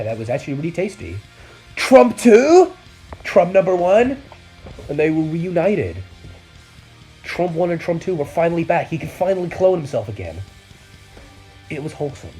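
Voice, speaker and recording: A man on a comedic storytelling vlog, swinging between excited yelps and mock-solemn mutters as he recounts an absurd saga. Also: on the high side, moderate pace, pauses often, soft background music, rough recording. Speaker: YouTuber.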